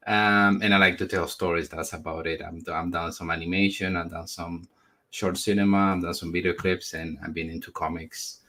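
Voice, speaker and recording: A comic book creator in his forties, born in Spain and raised in the United States, answers questions as a guest in a conversational interview. His voice is low and bright with a level tone. He speaks haltingly, repeating words as he searches for the right phrasing.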